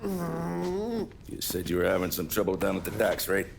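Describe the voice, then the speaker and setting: A menacing rival mob boss from a video game cutscene, smug and intimidating with a low, gravelly voice that still moves around in pitch. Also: male voice, very animated, a little slow, a little hiss or hum, exaggerated voice.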